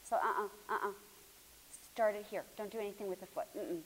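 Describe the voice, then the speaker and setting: A woman teaching a floor movement class, coaching students by name with steady encouragement and sometimes dropping to a near whisper. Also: medium pitch, a little fast. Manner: drops to a near whisper at times. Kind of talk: live class instruction. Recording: hissy recording in a reverberant hall.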